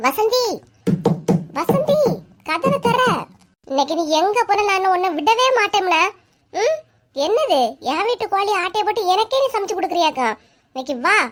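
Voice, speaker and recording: A piercing, very high cartoon voice of an enraged village woman, acted by a woman. She shouts threats in a Kanyakumari Tamil accent as she hunts down the chicken thief. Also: expressive, a little fast, slight background noise. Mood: furious.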